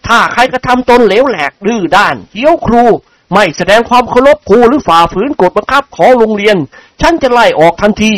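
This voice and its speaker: A man's voice: very high-pitched, lively intonation, fairly quick, hardly any pauses, no room sound, pitched above the performer's own voice. Cast a male reader as a stern elderly headmaster in a storybook reading, formal and scolding. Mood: angry. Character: stern older male school principal, angry.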